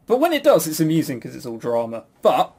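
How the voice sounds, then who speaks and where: With crowd noise behind him, a British man speaks fast in a high-ish voice full of huge pitch swings. He's hosting a casual podcast, giving rambling, blunt, sweary opinions with lots of stammered false starts.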